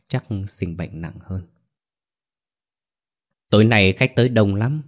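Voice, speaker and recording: Man, ghost story narration, somewhat low voice, measured reading.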